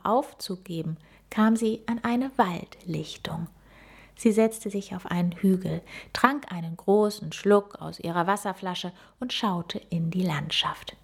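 A woman narrating a children's story in a soft, gentle, often half-whispered manner. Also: mid-range voice, slightly rough.

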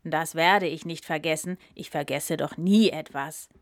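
A woman voicing a proud, haughty male elephant in a storybook reading, her voice pushed lower. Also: measured pace, no room sound.

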